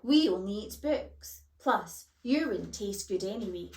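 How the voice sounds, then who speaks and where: A woman's voice: medium pitch, lively intonation, a little slow. A woman doing a solemn male bookworm. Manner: proclaiming, solemn. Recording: roomy echo.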